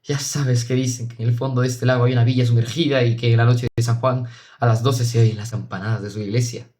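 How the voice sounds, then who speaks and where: An earnest young man confiding in his sister, read by a male narrator in an audiobook, his words coming quickly and intimately. The voice stays close to the reader's own middle pitch. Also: steady tone, darkish tone, lightly acted. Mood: musing. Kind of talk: audiobook dialogue.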